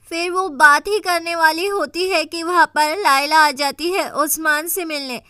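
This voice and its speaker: Woman recap narrator, high and sharp-toned, steady scene-by-scene storytelling, dry close sound. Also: no echo.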